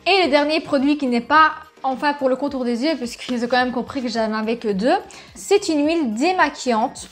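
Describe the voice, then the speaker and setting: A woman with an Italian accent talks her way through a beauty unboxing on her channel. Her voice sits fairly high, and she chatters eagerly, reading out the product details. Faint music plays underneath. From Italy. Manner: chatty, enthusiastic, reads product blurbs aloud. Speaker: beauty vlogger. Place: at home, filming on a phone.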